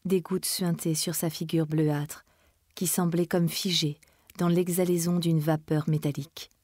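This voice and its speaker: A woman reads a classic novel aloud in a measured, dramatic way. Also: deep voice, level tone, darkish tone, no echo, studio quality. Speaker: reader. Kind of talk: literary reading.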